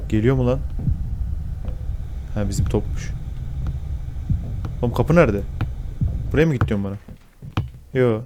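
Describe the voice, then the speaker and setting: A young man giving casual horror game commentary, swearing a lot and yelping and shouting when he gets startled. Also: mid-range voice, a little slow, pauses often, noisy background. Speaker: gaming YouTuber.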